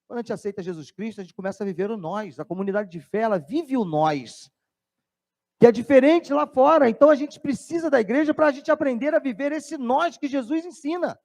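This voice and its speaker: A man preaching a sermon as pastor, animated, dropping his voice low when he tells a story. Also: fairly quick, creaky. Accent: Brazilian Portuguese. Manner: animated preaching, drops voice low to tell stories.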